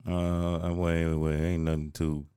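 A man's voice: low-pitched, flat delivery, measured pace, dark tone, smooth. A man co-hosting a podcast in casual chat, laid-back and slangy, often tagging on "you know what I mean". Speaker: podcast co-host.

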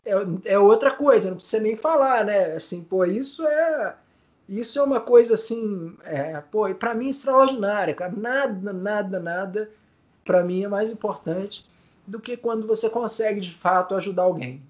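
A man telling a live interview his stories, tearful and choked up, repeating words and filling pauses as his voice breaks. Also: high voice. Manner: many fillers, repeats words. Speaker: guest, community news group founder. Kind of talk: emotional storytelling in interview.

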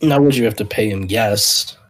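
A man's voice: lowish voice, normal speed. A man co-hosting a casual sports podcast, arguing his opinions bluntly in loose, informal speech. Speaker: podcast co-host.

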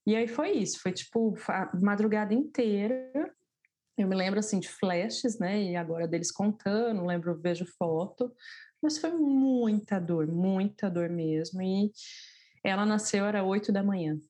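A woman's voice: medium pitch, a little slow, warm tone. A woman as an interview guest, telling a personal story in casual chat, stressing points by repeating words.

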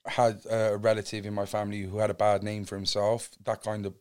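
A man's voice: lowish voice, level tone, a little fast, darkish tone, smooth. A man in his thirties with a Cardiff accent, an interview guest telling his life story in an open, earnest, rambling way. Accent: Welsh (Cardiff). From Cardiff, Wales. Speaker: podcast guest. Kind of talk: candid personal storytelling.

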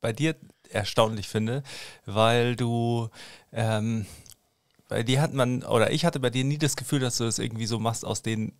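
A man's voice: mid-range voice, fairly even intonation, moderate pace, no room sound, clean studio sound. A man hosting a casual podcast, asking long questions with lots of hesitant fillers. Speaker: podcast host.

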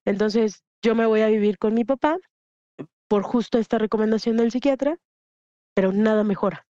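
Animated Mexican woman telling her story. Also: a little high, moderate pace, no room sound. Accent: Mexican Spanish. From Huasteca region, Mexico. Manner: animated, acts out quoted voices, frequent fillers. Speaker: guest. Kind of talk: candid personal storytelling in a podcast interview. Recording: dull lo-fi dry sound.

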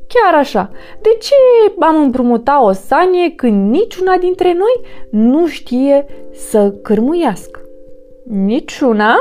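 Woman doing a fussy, croaking know-it-all crow. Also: sits high, sing-song, darkish tone, faint music behind, pitched above the performer's own voice. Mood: boastful. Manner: fussy and superior, croaking "crax".

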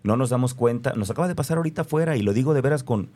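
A man's voice: medium pitch, expressive, racing, mellow. A man with a Mexican accent speaking earnestly in a reflective conversation, stressing his points by repeating them.

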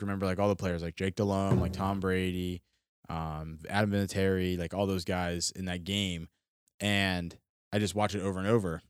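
A young man from Florida tells a story on a podcast in a deep, smooth voice. He rambles, restarts sentences and fills gaps with "um" and "like." The sound is close and dry, with no room echo. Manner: rambling, full of fillers and restarts. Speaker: podcast co-host. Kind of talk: casual storytelling. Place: studio.

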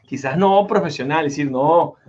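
Chatty man hosting, somewhat high voice. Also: moderate pace, a little mellow. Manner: rambling, with many restarts and fillers. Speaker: interview host. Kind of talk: casual conversational interview. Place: home office in Florida. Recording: dull lo-fi audio.

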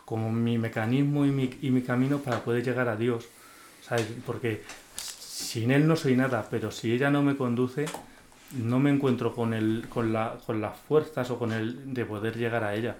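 A man's voice: medium pitch, steady tone, normal speed, a little mellow, a little hiss or hum. Earnest man telling his faith story. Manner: earnest and heartfelt, with many restarts and repeated words. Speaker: guest giving a faith testimony. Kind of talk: emotional personal testimony in an interview.

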